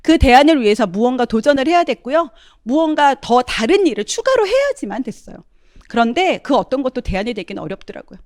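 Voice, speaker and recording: A woman's voice: high-pitched, sing-song, fast talker, a little mellow, no room sound, clean studio sound. A middle-aged woman giving a testimonial talk, often turning to address her audience as she tells her story.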